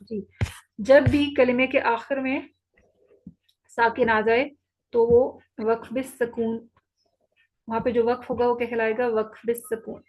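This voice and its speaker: A woman's voice: on the high side, little pitch movement, darkish tone, low-quality recording. A woman teaching an online Quran recitation lesson, patiently repeating each rule and checking that students follow. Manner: patient, repeats rules slowly and checks understanding. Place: online class.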